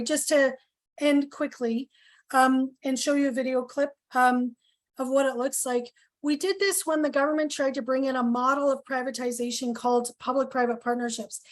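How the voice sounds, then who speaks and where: A woman organizer presenting at a town hall over a video call, earnest with many pauses and fillers, losing her voice. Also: high voice. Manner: earnest, lots of ums and questions. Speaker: health coalition organizer.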